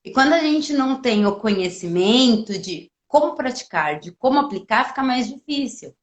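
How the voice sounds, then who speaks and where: A woman who works as a pedagogue hosts the conversation, explaining parenting ideas in a calm, teacherly way. Her voice sits a little high and carries a roomy echo. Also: moderate pace. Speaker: host, pedagogue. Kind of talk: educational talk.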